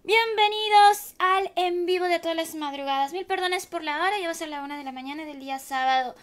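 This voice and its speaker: Hoarse high-voiced woman streamer. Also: fairly quick. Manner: affectionate, greets viewers by name and blows kisses. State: hoarse, losing her voice. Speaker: livestream gamer host. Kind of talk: casual late-night livestream chat.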